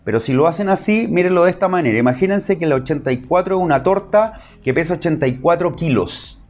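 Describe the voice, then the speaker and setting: A man's voice: on the high side, animated, fast talker, a little mellow, faint music behind. Chilean man teaching math. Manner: explains step by step, asks the class short check questions. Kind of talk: online math lesson.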